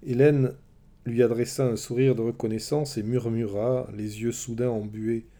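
A man narrating a storybook tale of an ancient myth in a measured, expressive way. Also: medium pitch.

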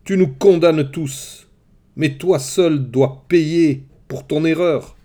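A man voicing an angry, cunning male Greek hero who shouts forcefully in a storybook reading. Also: medium pitch, moderate pace, close to an everyday voice.

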